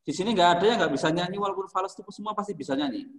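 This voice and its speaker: A male music teacher with a slightly high voice talks his pupils through singing technique, keeping things light with jokes and encouragement. He is heard in a classroom with a lot of echo, his voice ringing off the walls. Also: very fast. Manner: joking, encouraging, explains with examples. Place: school classroom. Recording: echoey classroom.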